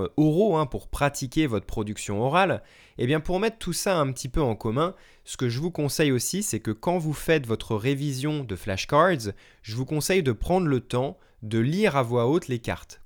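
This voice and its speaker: A French man hosts his own language-learning podcast, speaking solo into a podcast microphone. He explains practice methods in a relaxed, friendly way, often pausing with fillers and correcting himself mid-sentence. His voice sits at an ordinary middle pitch. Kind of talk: solo podcast advice talk.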